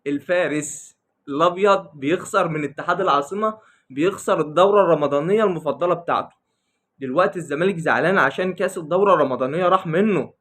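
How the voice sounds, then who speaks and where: A man with an Egyptian accent delivers a casual football commentary vlog at a breakneck pace. His voice sits somewhat high, and he teases and taunts, repeating his jabs over and over. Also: a bit bright. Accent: Egyptian Arabic. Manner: mocking, teasing, repeats his lines. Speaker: football vlogger.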